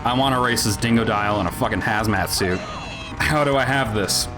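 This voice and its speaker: Grumpy, low-voiced man ranting about games. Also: brisk. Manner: grumpy old man grumbling, self-described crotchety; rambling, sweary, sardonic. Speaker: video game reviewer. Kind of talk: casual, profane gaming rant. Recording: music behind the voice. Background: music.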